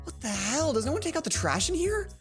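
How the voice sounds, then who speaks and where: Faint music plays behind a woman whose voice sits high, very animated and fast. As a let's play host reading a visual novel aloud, she fumbles the text and keeps slipping into exasperated, casual commentary.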